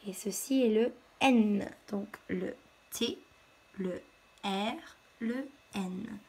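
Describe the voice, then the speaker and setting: A woman's voice: mid-range voice, gravelly, darkish tone, slightly rough. A woman teacher giving a patient, step-by-step handwriting lesson to young children. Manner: slow, patient step-by-step instruction.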